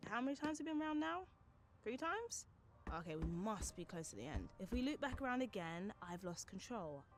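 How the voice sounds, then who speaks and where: An actress voicing a chatty young woman companion in a game, bubbly and quick to swing between moods. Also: mid-range voice, sing-song, slight background noise, close to an everyday voice. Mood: weary. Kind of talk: game character dialogue. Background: music.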